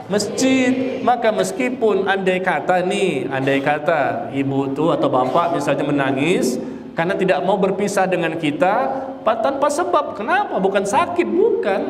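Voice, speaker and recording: A tired man giving an Islamic lecture and answering audience questions, with joking asides and rhetorical questions. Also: high-pitched. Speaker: Islamic religious teacher. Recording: roomy hall reverb with faint noise.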